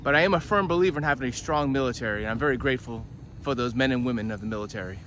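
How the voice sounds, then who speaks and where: A man's voice: medium pitch, rapid-fire, a bit bright. A man speaking as a tour guide, narrating an outdoor walking tour and explaining the sights as he goes. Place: outdoors in a public park. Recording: outdoor recording with urban ambient noise.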